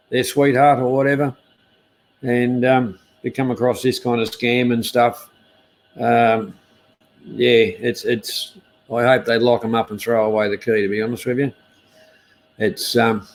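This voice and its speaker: An Australian man hosting a casual live stream news chat, speaking in a laconic, hesitant, easygoing outback drawl. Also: mid-range voice.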